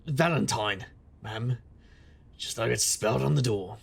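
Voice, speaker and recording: Here the same kind of noir narration comes across as dry and weary: a man playing a wry, jaded supernatural private eye, speaking in a gravelly, husky, deadpan voice. He takes his time, unhurried, in a mid-range register.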